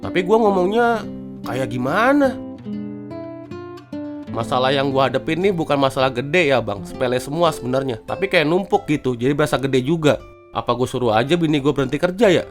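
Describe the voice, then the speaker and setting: A man's voice: medium pitch, animated, a little fast, faint music behind, natural voice. A man as a henpecked, bewildered cartoon husband. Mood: worried. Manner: rambling, self-pitying musing. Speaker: narrator.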